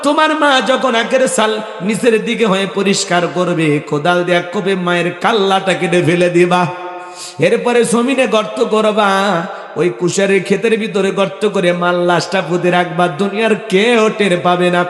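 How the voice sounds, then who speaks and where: Sly coaxing young wife as a preacher puts her on, high voice, echoey hall. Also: normal speed. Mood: scheming. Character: scheming young wife plotting against her mother-in-law. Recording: echoey hall over loudspeakers.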